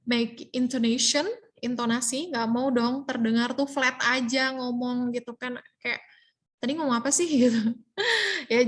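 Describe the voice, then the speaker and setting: A high-pitched young woman teaches in a relaxed, conversational way, dropping English phrases into her talk. She keeps checking in with "ya" as she explains, like a friendly tutor running an online workshop. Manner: chatty, mixes English terms into explanations, frequent "ya" tags. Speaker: IELTS tutor. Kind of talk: casual online workshop lecture.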